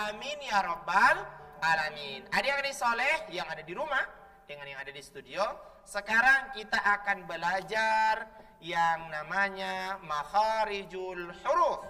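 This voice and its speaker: Bright-voiced man teaching children in an echoey studio. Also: high-pitched, distant mic. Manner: teacherly, prompting call-and-response, drawing out letter sounds. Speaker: children's TV Quran teacher and host. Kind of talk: children's Quran lesson. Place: television studio.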